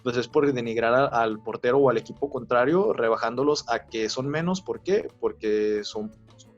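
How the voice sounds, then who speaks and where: A man's voice: mid-range voice, normal speed. A young man with a Mexican accent co-hosting a podcast, rambling in slangy casual chat with many fillers. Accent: Mexican Spanish. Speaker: podcast co-host. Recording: slightly dull sound with faint music.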